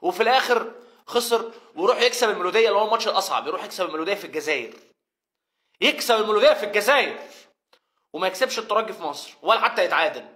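Egyptian man, middle-aged, high voice, quick animated football rant. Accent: Egyptian Arabic. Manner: animated, mimics imagined players and fans. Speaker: football fan commentator. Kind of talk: emotional fan video rant.

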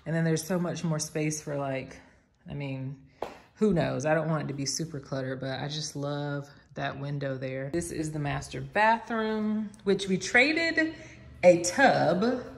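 A young woman vlogger from the American South narrates a casual tour of an empty indoor house, her low voice creaky and her pace measured. She is chatty and upbeat with many "like"s. The audio comes from a phone camera carried as she walks, with echoey bare rooms and a little hiss or hum.

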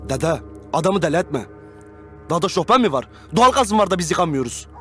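A man's voice: a little high, very animated, a little fast, faint music behind. A man in his thirties playing a bossy, self-important revolutionary leader in a TV comedy-drama, commanding and pompous. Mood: exasperated. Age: 30s. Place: furnished rooms of a house.

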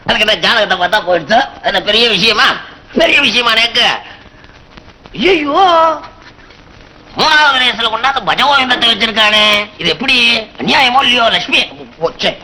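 An actor playing a boastful, fast-talking priest astrologer with a Tamil Brahmin accent in a film comedy scene. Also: male voice, extremely high pitch, bright, forceful tone, a little hiss or hum, exaggerated voice, rough recording. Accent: Tamil Brahmin dialect. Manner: boastful, rambling, sing-song.

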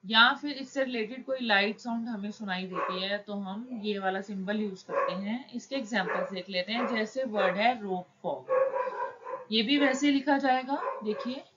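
A woman teaching shorthand, explaining each word slowly and patiently, step by step. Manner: slow, patient, drawn-out words. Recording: dull low-fi recording with faint noise.

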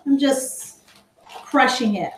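A woman's voice: high voice, expressive, reverberant, slight background noise. A woman teaching a live online cooking class for kids, chatting with her viewers as she explains each step. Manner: chatty, slow and explanatory, talks to viewers as guys. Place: home kitchen.

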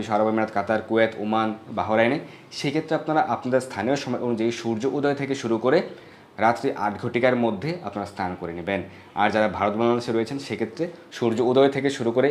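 A man giving devotional instruction in a measured, explanatory way, slowing down to recite Sanskrit mantras. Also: medium pitch, slight background noise. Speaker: Vaishnava religious teacher.

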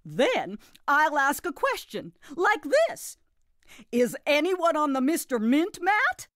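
A woman's voice: sits high, sing-song, slow pace, fairly bright tone, no echo, studio quality, full character voice. A woman voicing a jolly, doting, slightly nutty grandmother who hosts a children's game in a folksy, gleeful, exclamatory way. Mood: cheerful, instructive. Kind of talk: animated children's game narration.

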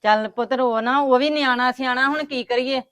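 A woman's voice: high voice, steady tone, normal speed, a bit bright, no room sound, clean studio sound. A woman playing a grandmother, talking in a coaxing, consoling way in a family web drama.

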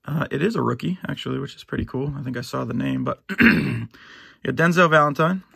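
A middle-aged man opening a box of sports cards for his channel, easygoing and rambling with lots of fillers and restarts, a little hoarse and clearing his throat now and then. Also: mid-range voice, fairly quick, pushed and bright, dry recording. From United States. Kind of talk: casual box-break commentary. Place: at home, in his basement.

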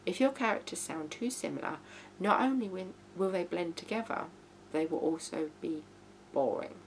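In a rough recording with hum and background noise, a woman in her thirties talks to the camera from a small living room, giving blunt, emphatic writing advice in an informal video tutorial. Her voice sits fairly low and is expressive, moving at a normal speed.

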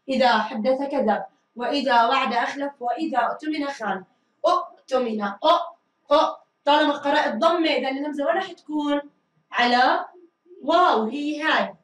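A woman teacher giving a grammar lesson, drilling answers and stretching words slowly. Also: high voice, a bit bright, distant mic. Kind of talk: recorded classroom grammar lesson. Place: school studio room. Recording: echoey room, mic set back.

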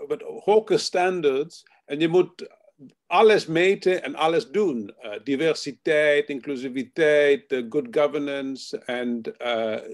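A man in his fifties talks over a video call from home, his voice pitched a little high. He hesitates often and fills gaps with "eh", sprinkling English terms into his sentences. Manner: halting, many fillers, mixes in English terms. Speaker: panel speaker. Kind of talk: online meeting talk. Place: home room, indoors.

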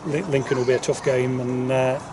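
In a casual post-match interview on an outdoor football pitch, the manager, a man, keeps a level tone in his mid-range voice and talks a little fast. He often repeats his words. Clear background noise comes through the distant outdoor mic.

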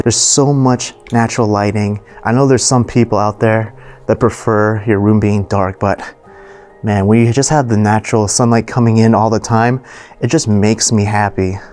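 Exploring an abandoned mansion, a vlogger narrates casually in a lowish voice with a somewhat dark tone. He's easily impressed and peppers his talk with fillers; the audio comes from a camera mic indoors.

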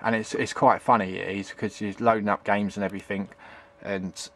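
In a fairly bright-toned, low, level voice, a middle-aged hobbyist speaks at a moderate pace while demonstrating retro computing. The tutorial is loose and unscripted, full of rambling, hesitation, and repetition. He's at a home computer desk indoors, recorded through a handheld camera's built-in mic.

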